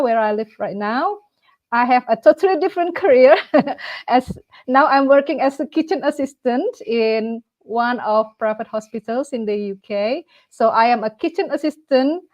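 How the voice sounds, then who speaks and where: A woman in her forties, originally from Indonesia, hosts a live-streamed talk show in a fairly high voice. She talks with frequent hesitant fillers and restarts, and the stream audio sounds dull and lo-fi. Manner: hesitant, many fillers, speaks as a second-language speaker. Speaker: host of live talk program.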